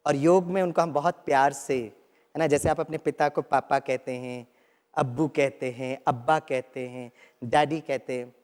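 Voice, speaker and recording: A man from Kerala gently guiding an audience through a meditation talk, mixing in English phrases and often asking "right?". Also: mid-range voice, steady tone, normal speed, in a large hall. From Kerala, India. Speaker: spiritual teacher leading meditation. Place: large hall with a live audience.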